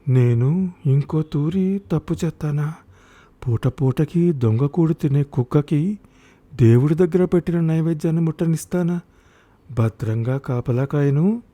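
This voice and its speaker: A man voicing a troubled young village daughter-in-law who speaks slowly and softly, in a brooding, pleading way. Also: low-pitched, natural voice. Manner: slow, soft, brooding.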